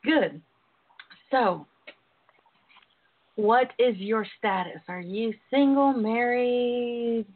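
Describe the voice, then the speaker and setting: A woman hosting an informal sex talk show, chatty, sassy and flirty, with drawn-out emphasis. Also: a little high. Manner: sassy, flirty, drawn-out emphasis, calls listeners honey and darlings. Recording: tinny phone-line audio.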